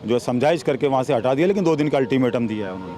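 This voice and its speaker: A man's voice: medium pitch, lively intonation, very fast, mellow. Pressing male news reporter. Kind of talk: news interview questioning.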